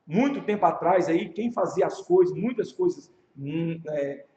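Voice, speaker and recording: Pastor teaching a church leadership class, Brazilian accent, lively storyteller, high voice, recorded in an echoey, muffled room. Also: male voice, a little slow. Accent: Brazilian Portuguese. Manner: animated storytelling with rhetorical questions.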